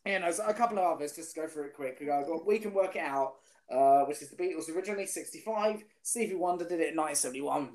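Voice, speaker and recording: A man's voice: fairly high pitch, darkish tone. A man hosting a podcast, chatting casually and quizzing his guest with many restarts and fillers. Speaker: podcast host. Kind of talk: casual chat. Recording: echoey room.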